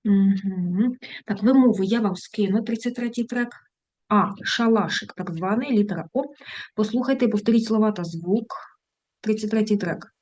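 A woman's voice: medium pitch, normal speed, dark tone. A woman teacher giving an online English lesson, reading textbook lines aloud and translating them, with fond little asides to her students. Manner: affectionate diminutives to students.

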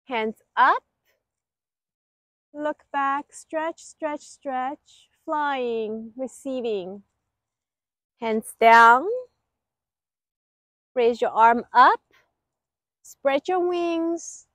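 A woman's voice: sits high, animated, very slow, pauses often, a bit bright, no room sound. A middle-aged woman instructing a qigong routine step by step in short, clipped directive phrases. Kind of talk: exercise instruction, step-by-step cues. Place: outdoor lakeside paved terrace.

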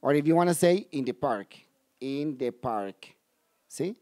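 A man teaching English in a video lesson, explaining step by step, addressing viewers directly and slowly repeating key words. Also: mid-range voice, expressive, darkish tone, no echo, studio quality. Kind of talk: video lesson for Spanish speakers.

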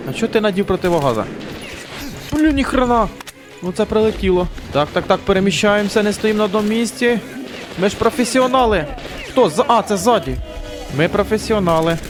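A man with a fairly high voice talks through a shooter game in a loose, chatty way. He swears often and jokes to himself. Game music plays clearly behind him. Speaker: gaming channel host. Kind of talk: casual let's-play commentary. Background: game music and gunfire.

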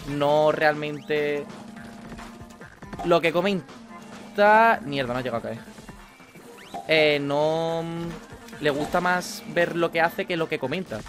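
A young man with a Spanish accent from Spain, chatting casually while playing a video game, excitable and swearing at the game. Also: on the high side, slow, long pauses. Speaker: gaming YouTuber. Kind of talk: casual gameplay commentary. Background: video game music.

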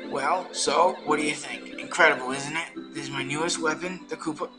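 A brutish monster king brags in a low, gruff voice, as a man puts him on. Video game music plays clearly under him. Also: steady tone, brisk, natural voice. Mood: boastful.

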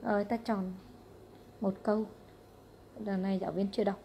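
A woman with a Vietnamese accent, an English teacher going briskly through exam answers question by question, matter-of-fact and repetitive. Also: mid-range voice, little pitch movement, creaky, mellow, slight background noise.

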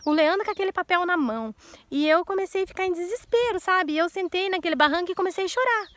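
A woman's voice: very high-pitched, lively intonation, fast talker, fairly bright tone. A woman, in her thirties, telling an earnest personal faith testimony straight to her listeners and repeating words for emphasis.

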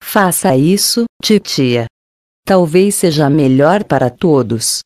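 A woman narrator plays a brave, kind young woman from an audiobook, firm and calm. Her tone is deep and mellow, with a dry close sound. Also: slow, no room sound.

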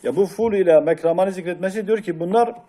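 Man teaching Arabic grammar, mellow. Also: sits high, fast talker. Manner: reads Arabic passages then explains them in Turkish, with frequent hesitation sounds. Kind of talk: lecture explaining a classical text.

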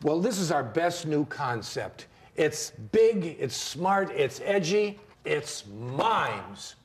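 A middle-aged man playing an agency boss, making an emphatic, folksy pitch in a scripted comedy sketch. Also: big pitch swings, slow pace.

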